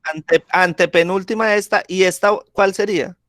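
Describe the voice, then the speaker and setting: A man's voice: sits high, steady tone, a bit bright, dry recording, studio quality. A man teaching a grammar lesson over a video call, speaking patiently and checking in with the class often. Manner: slow, patient, checks in with frequent "¿sí?".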